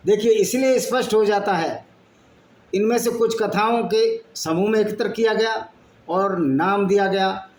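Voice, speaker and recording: A channel host with a high voice reads texts at a measured pace, stopping now and then for blunt, argumentative asides. The room echoes, and there's faint background noise.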